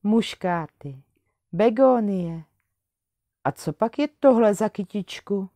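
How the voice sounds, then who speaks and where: A woman voicing a sweet, eager seventeen-year-old princess who speaks in a bright, eager way. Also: medium pitch, lively intonation, no echo, voice pushed up, natural voice.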